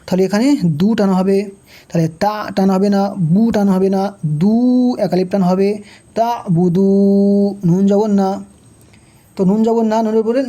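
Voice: medium pitch, warm tone. A Quran reading teacher giving a step-by-step recitation lesson, patiently spelling out letters and vowel marks and repeating each rule.

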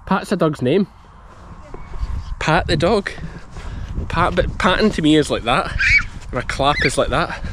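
A broad-accented sheep farmer from Scotland, in his thirties, vlogs casually in an open farm field, chatting to his child and dog. His slightly high, slightly bright voice is expressive but a little slow, with long pauses. The action camera, held at arm's length, catches outdoor field noise.

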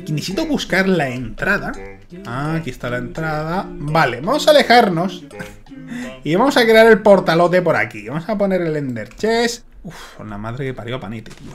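Excitable gamer, wildly swinging pitch. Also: male voice. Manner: excitable, swears a lot, jumps from mutters to loud shouts. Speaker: gaming YouTuber. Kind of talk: Minecraft let's play commentary.

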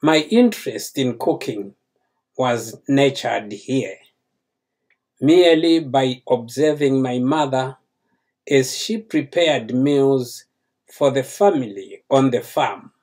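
A man's voice: medium pitch, takes it slowly, a little mellow. An older man who grew up in Zambia, speaking to camera as the host of a cooking channel. He addresses his viewers in a courteous, formal way, seated in a small indoor room. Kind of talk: slow, formal talk to camera.

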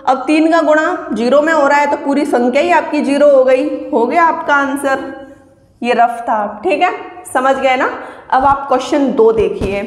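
A woman teacher explaining exam math step by step, patiently asking and answering her own questions. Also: high-pitched. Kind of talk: exam-prep math lesson. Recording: echoey room with long reverb.

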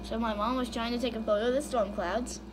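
A woman's voice: fairly high pitch, steady tone, quick pace, background noise. A young woman casually commenting on funny videos, bursting into shrieks and then muttering to herself. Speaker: YouTuber reacting to videos.

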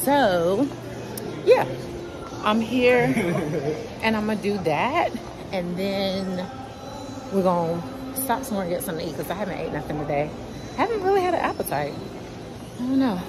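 A woman's voice: medium pitch, lively intonation, moderate pace, pauses often, background noise. Chatty woman vlogging in a store. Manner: chatty, informal slang, talks to viewers as loves. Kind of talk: casual vlog chat. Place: store and mall, indoors.

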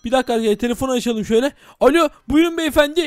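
High-voiced, fast-talking game host. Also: male voice, slight background noise. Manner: dramatic, exclaiming to viewers. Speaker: game video host playing village head. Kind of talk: game role-play narration.

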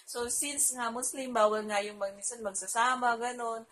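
A woman's voice: on the high side, fairly even intonation, moderate pace, a bit bright, a little hiss or hum, rough recording. A Filipino woman vlogger telling a personal story to her viewers in a casual, chatty way, laughing often and trailing her phrases with fillers.

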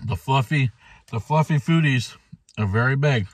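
A man in his thirties eats and chats casually to camera for a mukbang vlog filmed inside his car. His mid-range voice moves at a moderate pace, picked up by a phone or camera held at arm's length.

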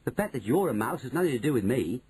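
A man voicing a loud, greedy, indignant boy who has been turned into a mouse, in a storybook reading. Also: medium pitch, sing-song, quick pace, a little hiss or hum, pitched above the performer's own voice, lightly acted. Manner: blustering, loud-mouthed, outraged exclamations.

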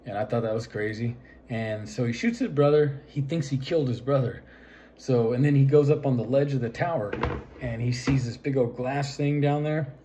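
A man's voice: mid-range voice, normal speed, mellow, a little hiss or hum. A man casually retelling a film's plot in a rambling way, full of fillers and "right?" asides. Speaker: vlogger.

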